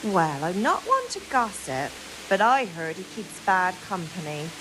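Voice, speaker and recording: A woman's voice: on the low side, sing-song, measured pace, noisy background. A woman voicing a gossipy small-town busybody in a medieval video game. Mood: coy, gossipy.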